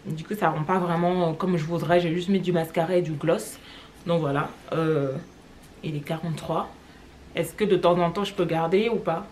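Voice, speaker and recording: A young Cameroonian woman vlogger with a French accent and a fairly low-pitched voice chats casually to her audience. She rambles with lots of fillers, and there is slight background noise.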